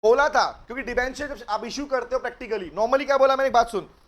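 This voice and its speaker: A man's voice: extremely high pitch, fast talker, a bit bright. A man giving a live online law lecture, coaxing his students with questions and mixing English phrases into Hindi. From India. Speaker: law teacher.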